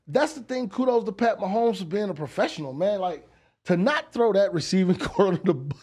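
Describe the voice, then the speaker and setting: A man's voice: sits high, animated, fairly quick, a little mellow, slightly rough. A man co-hosting a sports talk show, joking and slangy in casual banter. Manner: joking, laughs often, slangy. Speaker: sports podcast co-host.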